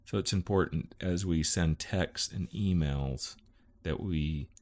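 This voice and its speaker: A middle-aged man co-hosting a marriage podcast in casual chat, easygoing and halting, with fillers and restarts. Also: low-pitched, a little mellow. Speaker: podcast co-host.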